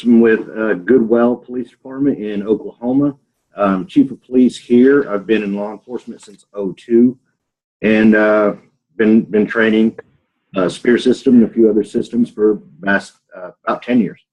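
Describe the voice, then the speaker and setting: A man's voice: fairly low pitch, steady tone, normal speed. A man, a police chief, briefly introducing himself on a call. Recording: dull call audio.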